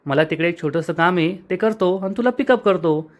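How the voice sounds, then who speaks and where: A man's voice: high-pitched, lively intonation, brisk. Malhar, read by a man, rich determined young lover.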